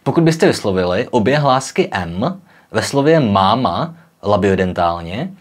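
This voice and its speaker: A man's voice: fairly low pitch, sing-song. A young man hosting a casual popular-science video, explaining in a chatty way with frequent tag questions and demonstrating sounds aloud. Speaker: educational video host.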